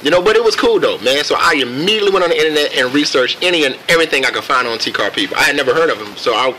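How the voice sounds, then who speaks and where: An American man casually telling a personal story on camera in a reflective, laid-back and halting way. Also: on the high side, expressive, bright, forceful tone, a little hiss or hum, rough recording. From United States. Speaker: vlogger.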